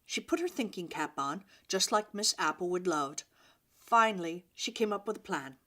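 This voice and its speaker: A woman with a lowish voice reads a children's story aloud. Her delivery is expressive and dramatic, and she uses pauses and emphasis for young listeners.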